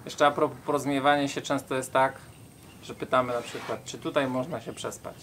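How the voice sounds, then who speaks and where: A man's voice: medium pitch, steady tone, fairly quick, a bit bright, a little hiss or hum. A young man travel vlogger reading out viewer questions and explaining plainly in casual chat.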